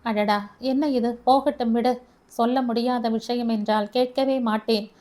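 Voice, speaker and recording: A woman voicing a caring young man who speaks softly and coaxingly in an audio story. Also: a little high, fairly even intonation, measured pace, lightly acted. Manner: soft, coaxing.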